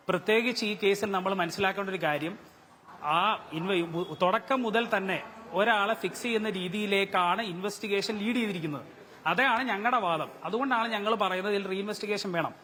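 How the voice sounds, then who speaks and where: A man with a Malayali accent argues a legal case on a TV debate, his high voice pushing the same question again and again. His voice comes through a long, hall-like reverb. A faint hiss sits underneath. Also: pushed and bright. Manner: insistent, fires repeated rhetorical questions. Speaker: defence lawyer. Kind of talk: heated TV debate argument.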